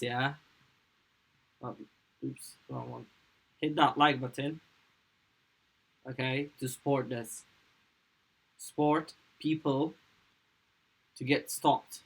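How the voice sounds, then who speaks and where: A man's voice: medium pitch, a bit bright, husky, low-quality recording. Agitated man reacting to videos. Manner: agitated, halting, talks straight to viewers. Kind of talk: casual reaction commentary.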